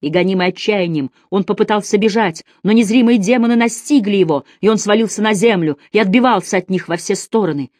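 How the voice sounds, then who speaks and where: A woman narrating an audiobook in a measured, dramatic reading. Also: medium pitch, darkish tone, no echo, studio quality.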